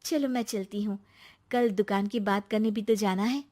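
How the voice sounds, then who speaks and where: A woman voicing an earnest, trusting young wife in an animated story, quick to protest. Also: medium pitch, natural voice.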